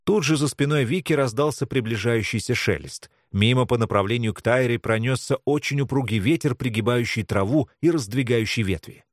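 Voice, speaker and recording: A man's voice: mid-range voice, fairly quick, hardly any pauses, dry recording, studio quality. A man narrating a novel as an audiobook, telling the story expressively. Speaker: audiobook reader. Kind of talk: scripted narration.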